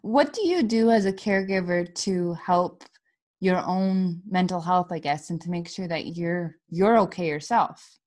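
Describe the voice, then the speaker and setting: A woman hosting an interview, soft and encouraging, answering with short affirmations. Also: on the low side, a little slow. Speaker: podcast host. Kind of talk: casual interview.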